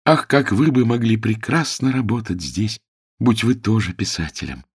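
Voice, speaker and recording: A man's voice: fairly low pitch, normal speed, husky, no echo, studio quality, voice pushed up. A man voicing an enthusiastic, romantic young woman who speaks in gushing exclamations.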